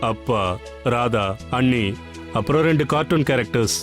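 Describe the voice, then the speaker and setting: A man's voice: mid-range voice, normal speed, lightly acted. An actor playing a playful middle-aged father who teases his weepy wife in a TV serial with music behind. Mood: teasing. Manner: teasing, joking. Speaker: father of the household. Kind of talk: TV serial acting.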